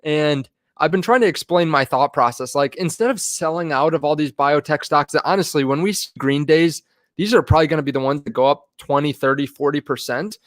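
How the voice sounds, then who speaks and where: Higher-voiced man rambling on a live stream. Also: fairly quick, no echo, studio quality. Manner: rambling, filler-heavy, restarts often. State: a bit out of breath. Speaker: finance channel host. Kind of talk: casual live-stream talk. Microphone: phone.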